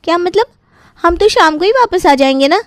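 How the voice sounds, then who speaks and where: A woman's voice: very high-pitched, lively intonation, normal speed, dry recording, studio quality. A woman voicing a pampered young wife who coos and gushes over her husband. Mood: cooing. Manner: cooing, gushing.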